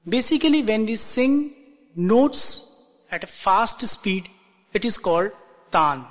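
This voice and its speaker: A man explains classical singing terms in a music lesson, in a very high voice. He speaks slowly, in short deliberate phrases. The voice rings out with a long reverb. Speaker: music teacher.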